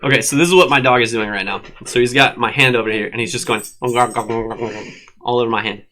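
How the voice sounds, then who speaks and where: Co-hosting a live online show from his desk at home with a dog, this man banters casually, teasing and laughing often. His voice is medium in pitch, sharp in tone, and a little fast.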